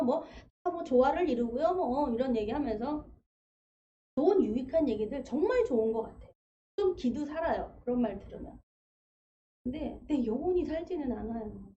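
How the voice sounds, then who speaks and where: A woman's voice: sits high, dark tone, dull audio, a little hiss or hum. A woman pastor preaching a sermon in a conversational, storytelling way, acting out quotes as she goes. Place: church sanctuary.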